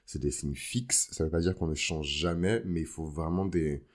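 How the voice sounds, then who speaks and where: A man's voice: very deep voice, fairly even intonation, moderate pace, a little mellow. A man hosting an astrology podcast as a casual, informal monologue, dropping bits of English slang into his talk. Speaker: podcast host.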